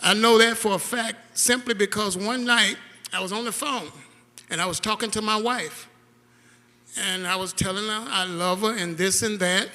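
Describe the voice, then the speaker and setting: A man giving a halting, heartfelt eulogy as the dead man's caregiver, laughing through tears in a church. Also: high-pitched, pushed and bright. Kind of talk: heartfelt memorial speech. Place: church hall. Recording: long church hall reverb.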